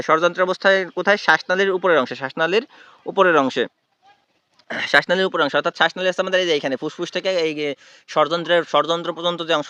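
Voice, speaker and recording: A high-voiced man runs an exam-prep lesson at a quick clip. He keeps posing a question, repeating it, and answering it himself. His voice is bright, and the recording sounds dull and lo-fi. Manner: repetitive questioning of students, answers own questions. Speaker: tutor.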